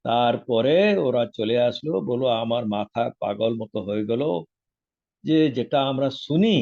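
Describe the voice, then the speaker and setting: A man telling a devotional story in a casual, animated way, acting out the dialogue. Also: unhurried, dull audio. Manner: animated, acts out dialogue with raised pitch. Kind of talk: religious storytelling.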